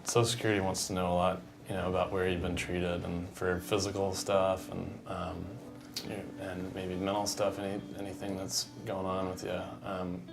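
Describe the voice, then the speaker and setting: A man's voice: low voice, completely flat delivery, moderate pace, creaky. A man speaking as an outreach worker in a scripted training role-play, casual and hesitant with fillers. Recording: music bed under speech.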